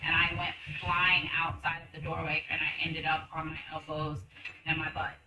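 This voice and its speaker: A woman's voice: low-pitched, completely flat delivery, moderate pace, far from the mic, music in the background. Woman interviewee, former chef, candid and tense; echoey room, mic set back. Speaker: former personal chef giving testimony. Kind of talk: documentary interview testimony.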